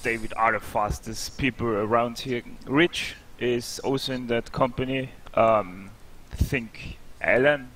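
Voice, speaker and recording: Male co-commentator, slow and hesitant, faint hiss on the line. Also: medium pitch, fairly even intonation, a bit bright. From Austria. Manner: unhurried, hesitant, with frequent ums. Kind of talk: casual race commentary.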